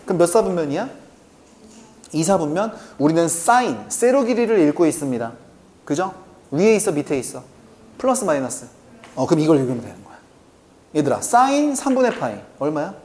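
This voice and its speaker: Lively male math teacher, quizzing students. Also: on the high side. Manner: keeps checking in with quick rhetorical questions to students; answers his own questions aloud. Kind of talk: classroom math lecture.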